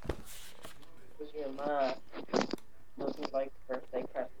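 A man's voice: medium pitch, little pitch movement, slow pace. A man answering quiz questions in a casual home video with short, offhand replies. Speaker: quiz contestant. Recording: loud noise behind the voice.

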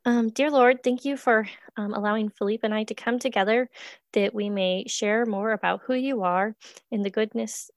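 A young woman hosting a faith podcast, speaking in a friendly, quick and chatty way. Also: a little high, steady tone, dry recording, studio quality. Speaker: podcast host. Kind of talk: casual faith podcast interview.

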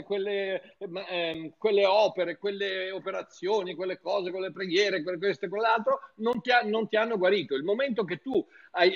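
A man preaching in an informal, fervent teaching style, talking to his listeners like friends and often restarting his sentences. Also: high-pitched. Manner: fervent, chatty, with frequent restarts. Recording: dull lo-fi sound.

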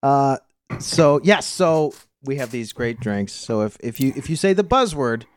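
American male podcast host, mid-pitched, chatty, laughs a lot, dry close sound. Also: animated, measured pace, dry recording. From United States. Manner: chatty, laughs often, restarts sentences. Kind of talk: casual movie-review chat.

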